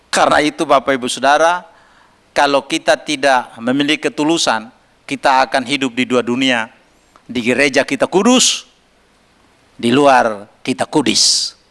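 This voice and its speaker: A man preaching a sermon as pastor at a church service, lively and jokey, now and then breaking into song. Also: mid-range voice.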